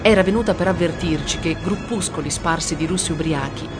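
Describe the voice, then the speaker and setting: A narrator reading a first-person story aloud with steady storytelling. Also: medium pitch, brisk. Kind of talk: audiobook narration. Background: music.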